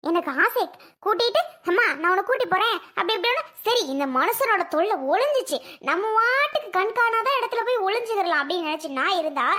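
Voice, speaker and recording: A woman's voice: very high voice, lively intonation, fast, pushed and bright, exaggerated voice. A woman voicing an indignant older mother in a cartoon, scolding and wailing at her family.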